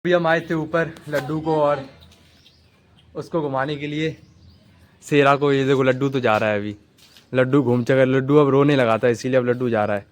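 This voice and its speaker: A man's voice: mid-range voice, fairly even intonation, normal speed. A young man with back pain chatting casually to his viewers while filming a home vlog. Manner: chatty, addressing viewers directly. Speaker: vlogger.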